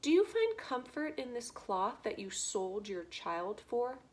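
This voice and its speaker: A woman voicing a sly, smooth-talking male rat who speaks in a soft, measured, courteous way. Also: fairly high pitch, very animated. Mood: silky calm.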